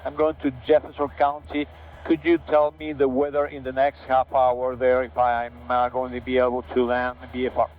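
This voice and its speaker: A man acting as a private pilot, talking over the aircraft radio to air traffic control in halting calls with fillers. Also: medium pitch, completely flat delivery. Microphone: aviation headset. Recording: tinny cockpit headset audio with faint music.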